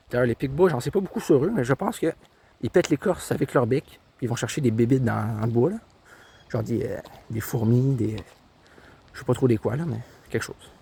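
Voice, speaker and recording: A man's voice: mid-range voice, vocal fry, warm tone, a little hiss or hum. Young Québécois guy vlogging on a walk, chatty and rambling, mid-range voice, tablet mic, faint outdoor ambience behind. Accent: Québécois French. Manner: rambling, chatty, self-mocking. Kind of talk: casual walking vlog. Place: outdoors, countryside trail by a river and road. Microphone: handheld tablet camera. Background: faint outdoor ambience, birds and passing cars.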